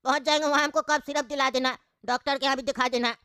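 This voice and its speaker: A woman's voice: high voice, steady tone, fast talker, bright, forceful tone, no echo, studio quality. A woman voicing a sick old father who coughs and complains while stuck on a plane. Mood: grumbling. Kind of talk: comic cartoon voice acting.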